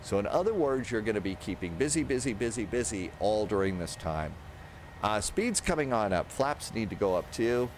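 Talking himself through the steps aloud, a man in his sixties offers relaxed flight simulator instruction in a lowish voice at moderate speed. His close desk microphone sits in an indoor home streaming setup, and steady simulated aircraft engine and cockpit sounds fill the background.

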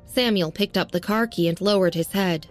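A woman narrating a serialized audio story in a steady, even reading. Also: mid-range voice, normal speed, faint music behind.

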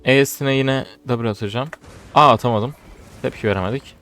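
A young man commentating his own gameplay, getting frustrated and swinging between low muttering and loud outbursts. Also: normal speed, faint music behind. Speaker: gaming streamer.

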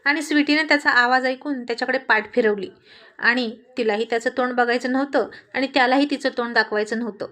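A woman's voice: a little high, fairly even intonation, fast talker, sharp tone. A woman narrating a college love story and reading every character's lines herself. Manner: reads all characters in the same voice. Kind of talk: storybook narration with acted dialogue.

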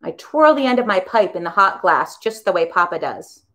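A woman who teaches a children's music class reads a storybook aloud expressively and with animation. Her voice is lowish and her pace moderate.

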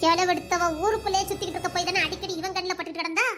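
A woman's voice: very high-pitched, fairly even intonation, very fast, fairly bright tone, soft background music. A woman playing a scheming middle-aged mother who gossips scornfully and chuckles as she plots for her son. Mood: mocking gossip. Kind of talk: audio drama acting.

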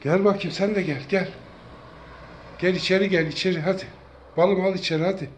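A man talking casually to his cats, calling them over and over in a coaxing way and now and then gently scolding them. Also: high voice, fairly even intonation, brisk, a little hiss or hum. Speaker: cat feeder. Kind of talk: casual talk to pets.

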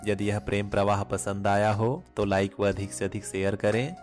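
A man hosting a channel, reading a scripted introduction and then reciting love couplets in a measured, solemn way. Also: lowish voice, fairly even intonation, a little mellow, faint music behind. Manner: slow, measured, solemn delivery. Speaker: channel host and poetry reciter.

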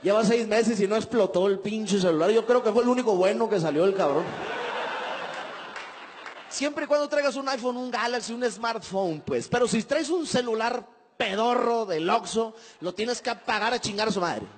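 High-voiced northern Mexican comedian. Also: male voice, normal speed, big-room sound, a little hiss or hum. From Monterrey, Mexico. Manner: profane, slangy, animated storytelling. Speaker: stand-up comedian. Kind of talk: stand-up comedy routine.

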